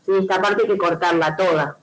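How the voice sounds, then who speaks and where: Teaching an online class, this Rioplatense-accented primary school teacher patiently lays out instructions one step at a time on a video call, pausing often to make sure the children follow. Her voice is lowish with fairly even intonation and a slightly fast pace, and the recording quality is low.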